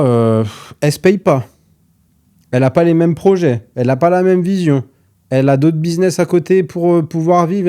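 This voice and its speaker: A man's voice: mid-range voice, dark tone. A man coaching gym owners on running their business, talking bluntly and casually and swearing freely. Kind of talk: direct-to-camera advice video.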